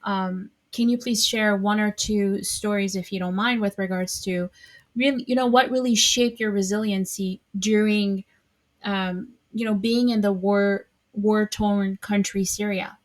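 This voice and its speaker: A woman's voice: medium pitch, fairly even intonation, measured pace. A woman hosting a podcast, asking long, polite, encouraging questions. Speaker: podcast host. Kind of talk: interview questions.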